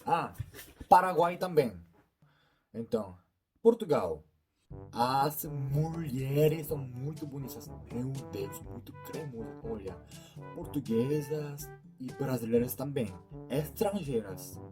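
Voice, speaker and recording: A young man in his twenties from South Korea with a Korean accent, speaking a second language haltingly in a casual interview, often pausing to search for words. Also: medium pitch, lively intonation, music in the background. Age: 20s. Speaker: interviewee, YouTuber.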